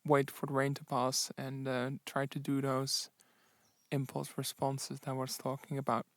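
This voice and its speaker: A man's voice: mid-range voice, monotone, fairly bright tone, no room sound. Tired man recording outdoors in the rain. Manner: halting, rambling, reflective. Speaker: travel vlogger on a solo walking trip. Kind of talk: casual field-recorded audio diary. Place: outdoors under an umbrella in the rain. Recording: outdoors in rain, under umbrella.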